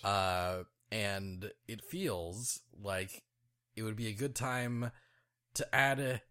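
A man's voice: lowish voice, slow, sharp tone, clear, resonant tone. A man co-hosting a casual podcast, talking in a rambling way with many fillers and restarts, and laughing easily. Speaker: podcast co-host.

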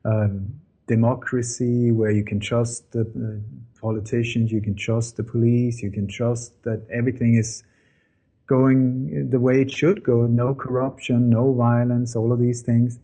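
Speaking as an interview guest, this middle-aged man, Danish-born and Swedish-raised and once a journalist, recounts his story sincerely while stumbling over fillers and fixing his words. His medium-pitched voice is level, measured, mellow and a bit rough.

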